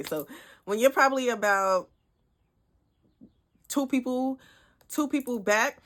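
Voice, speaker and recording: A young woman, telling a story in a chatty, animated vlog. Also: mid-range voice. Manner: chatty, animated, frequent "like" and "whatever". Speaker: vlogger.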